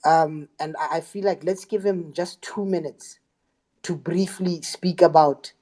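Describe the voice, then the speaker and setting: A man's voice: on the high side, steady tone, unhurried, mellow. A man speaking up in a live audio discussion, hesitant and apologetic, repeating words. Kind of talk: casual remarks on a live audio room.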